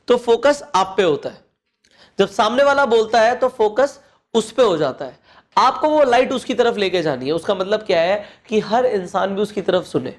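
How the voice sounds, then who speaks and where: A man teaching presentation skills, speaking in deliberate pauses and swinging his voice up and down to stress points. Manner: deliberate pauses and swings in pitch to show modulation; repeats phrases for emphasis, addresses listener directly. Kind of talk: coaching lesson mixing Hindi and English.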